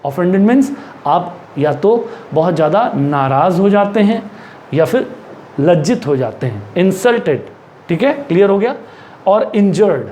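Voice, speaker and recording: Slow-speaking Indian man teaching vocabulary. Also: high voice, darkish tone, a little hiss or hum. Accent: Indian English. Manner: slow, repeats words and asks the viewer questions. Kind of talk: spoken vocabulary lesson in Hindi and English.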